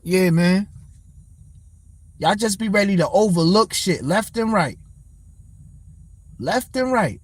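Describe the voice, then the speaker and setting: A man's voice: high voice, expressive, slow, pauses often. A young man hosting a casual boxing talk livestream, speaking, blunt and profane as he answers his chat. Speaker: livestream host.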